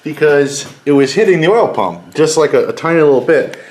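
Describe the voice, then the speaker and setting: A man's voice: a little high, animated, a little fast, darkish tone. A man chatting casually in a workshop, telling stories while working on an engine. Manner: tells stories with acted quotes. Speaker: mechanic friend. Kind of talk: casual shop chat. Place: home workshop.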